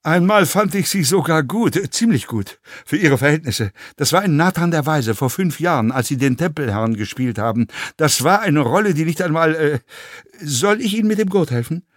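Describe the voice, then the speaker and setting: A man reading an audiobook, voicing a pushy, mocking male fellow passenger who needles without pause. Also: fairly high pitch, animated, no echo, clean studio sound, natural voice. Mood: needling. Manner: needling, sneering, chatty.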